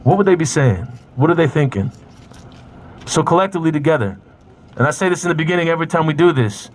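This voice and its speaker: A man speaking at an outdoor rally, guiding the crowd through a reflection and shouting chants for them to repeat. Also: on the high side. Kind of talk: rally call-and-response. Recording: crowd and street noise outdoors.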